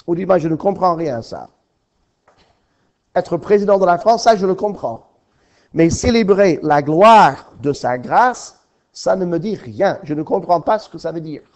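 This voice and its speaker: A man preaching a sermon, asking rhetorical questions and swinging between loud emphatic lines and soft, low ones. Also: animated, moderate pace.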